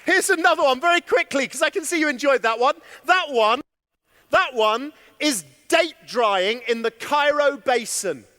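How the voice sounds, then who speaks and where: A man giving an animated conference keynote from a stage, chatting with and questioning his audience. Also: extremely high pitch, moderate pace, some chatter behind. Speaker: keynote speaker. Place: stage in a large hall. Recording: long hall reverb.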